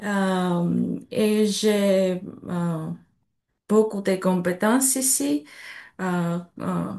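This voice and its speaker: A woman in her late twenties with a Georgian accent speaks very slowly in broken, beginner French. Her voice is creaky, and she gives her testimony haltingly, hunting for words and slipping on grammar. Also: medium pitch, a little mellow. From Georgia (country). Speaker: European volunteer giving testimony. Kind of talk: personal testimony at an information session.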